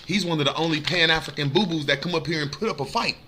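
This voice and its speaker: A man's voice: fairly high pitch, fast, sharp tone, slight background noise. A man ranting casually, brash and profane. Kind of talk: casual rant.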